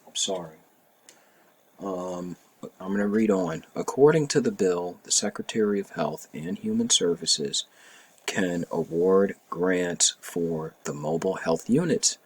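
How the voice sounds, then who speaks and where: A man's voice: low-pitched, husky. A man reading a bill aloud and commenting on it in casual, emphatic opinion talk, often repeating and rereading phrases.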